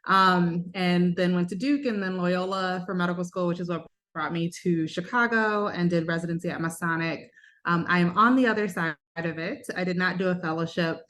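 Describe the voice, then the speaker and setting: A woman physician from Los Angeles introduces herself over a video call. Her voice is somewhat low. She sounds warm and encouraging. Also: fairly even intonation, moderate pace. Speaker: attending physician.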